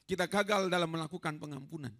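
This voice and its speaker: A man preaching a lively storytelling sermon in a church hall. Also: fairly high pitch, fast talker. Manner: lively, storytelling, addresses listeners as saudaraku.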